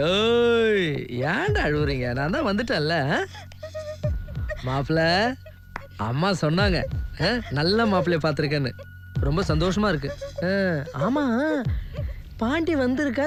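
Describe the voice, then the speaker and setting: An actor playing a cheerful young village man back home, greeting family and friends in a warm, teasing way. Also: high voice, expressive, measured pace, pauses often, music in the background. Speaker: lead character. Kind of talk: film drama acting.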